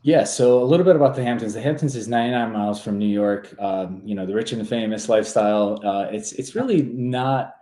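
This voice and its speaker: A man in his twenties from Serbia, a real estate agent talking as a guest in a relaxed, easygoing way, full of fillers and restarts. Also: fairly low pitch, brisk, hardly any pauses, echoey room. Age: 20s. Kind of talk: casual interview talk.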